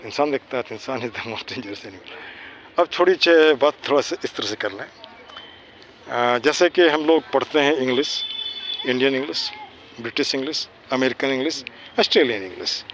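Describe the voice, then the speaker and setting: A man teaching school students outdoors, lecturing and firing rhetorical questions. He slows down and speaks deliberately whenever he switches into English. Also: medium pitch, expressive, a bit bright, slight background noise. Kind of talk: informal lecture with quiz questions. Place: outdoors in a park.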